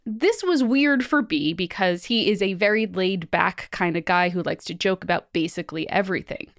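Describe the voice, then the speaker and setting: A woman co-hosting a podcast, retelling listener ghost stories in an animated, joking way. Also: medium pitch, moderate pace, no echo, clean studio sound. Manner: animated, swears and laughs. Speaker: podcast co-host. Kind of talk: casual podcast chat, reading listener stories.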